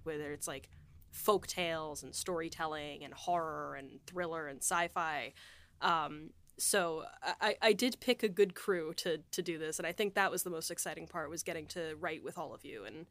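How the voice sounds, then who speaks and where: A young adult woman who co-hosts, writes and produces a podcast chats reflectively in a casual group conversation, effusive and often hesitating around "like". Her voice is lowish and fairly bright, with no room sound.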